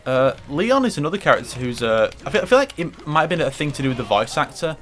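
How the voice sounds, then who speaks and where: A man's voice: on the high side, very animated, fast, a bit bright, soft background music. Rambling, swearing young man over gameplay. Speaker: gaming commentator. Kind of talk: let's play commentary.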